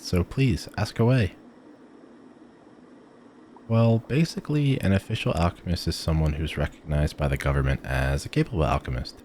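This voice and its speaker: Voicing an eccentric but friendly alchemist shopkeeper from a fantasy village, this man talks eagerly to the listener and hums as he muses. The voice is deep with a darkish tone, and there is slight background noise in this audio roleplay.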